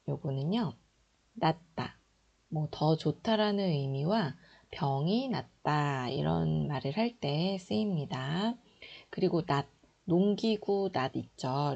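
A woman's voice: low voice, vocal fry, darkish tone, breathy edge, dull audio. A woman teaching Korean reading and spelling, patiently explaining and repeating syllables aloud. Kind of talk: slow instructional explanation.

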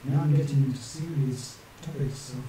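A man in his forties with a non-native English accent tinged by northern English draws a map on screen at his home desk, chatting and cracking jokes to himself. His voice is medium-pitched, normal in speed and dark in tone. He's a map illustrator and channel host, and the webcam recording in his small room is very echoey, with a distant mic and faint hiss.

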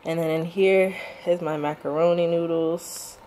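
A vlogger in her twenties casually narrates her cooking in a small home kitchen, rambling with lots of ums in a fairly low, dark, even, unhurried voice. The handheld camera is close and moving, and the kitchen is noisy with frying.

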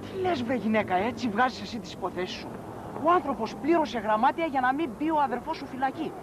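An actor playing a weary, henpecked husband who pleads and grumbles. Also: male voice, extremely high pitch, expressive, background noise. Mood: exasperated. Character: exasperated, henpecked middle-aged husband.

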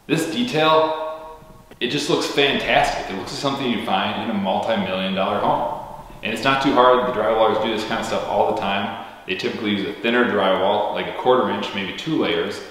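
A man, a custom home builder, giving an upbeat walkthrough vlog inside an empty, freshly painted house, his voice booming with a cave-like echo. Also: a bit bright. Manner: upbeat, explanatory. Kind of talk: walkthrough vlog explaining construction. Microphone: camera-mounted mic. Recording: heavy cave-like echo in a bare room.

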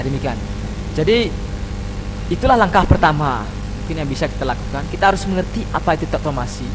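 Earnest man explaining scripture, noisy room. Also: a little high. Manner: earnest explaining, chants scripture verses slowly. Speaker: panel speaker. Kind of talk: religious discussion talk. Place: small indoor room at a table. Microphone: desk microphone on stand.

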